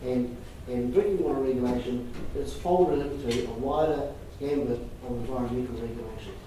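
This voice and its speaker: A man giving a public talk and taking questions, speaking in a measured way and repeating phrases for emphasis. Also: mid-range voice. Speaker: presenter taking audience questions. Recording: echoey room, distant mic, noisy.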